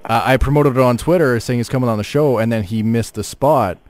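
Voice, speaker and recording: A man hosting a casual podcast, talking in a relaxed, easygoing way. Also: mid-range voice, brisk. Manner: relaxed, easygoing, laughs along. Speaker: podcast host, radio producer. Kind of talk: casual chat.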